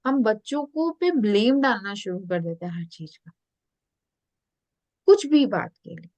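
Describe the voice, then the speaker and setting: A woman's voice: medium pitch, expressive, a little slow, darkish tone, no echo. A woman spiritual coach telling stories in a podcast interview, earnest, mixing English phrases into her talk.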